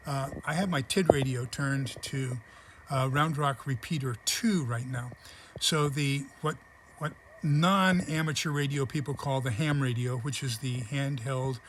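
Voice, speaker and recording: A man with a mid-pitched voice presents practical advice in an informal, instructional way. He sometimes searches for the right technical term. There is noticeable background noise in the recording. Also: a bit bright. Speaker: presenter of preparedness tips. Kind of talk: informal explanatory monologue. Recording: clearly noisy background ambience.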